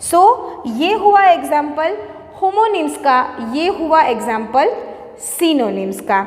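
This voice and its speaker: A woman's voice: high-pitched, animated, slow pace, a little mellow. A woman teacher with an Indian English accent explains a lesson to her students, repeating each point patiently and checking in with "okay?". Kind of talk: classroom lesson mixing Hindi and English. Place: classroom. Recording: echoey room, long reverb.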